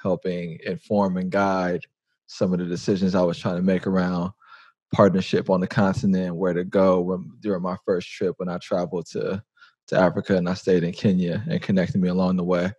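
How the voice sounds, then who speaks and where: A man's voice: low voice, flat delivery, a little fast, a little mellow, no room sound, highs cut off. A man hosting a podcast interview, speaking casually with many fillers. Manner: casual, filler-heavy, uses "like" a lot. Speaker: podcast host.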